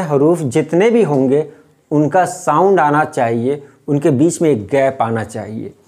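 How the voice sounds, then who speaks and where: A man teaching how to write letters, explaining patiently and repeating each point slowly. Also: on the high side, darkish tone. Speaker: Urdu script teacher. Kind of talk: step-by-step writing lesson.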